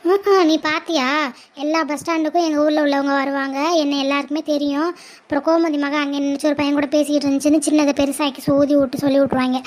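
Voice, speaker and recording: A worried young woman speaks in a hushed, nervous way, voiced by a woman. Her voice is high. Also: flat delivery, fast, natural voice. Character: anxious young woman, a girlfriend.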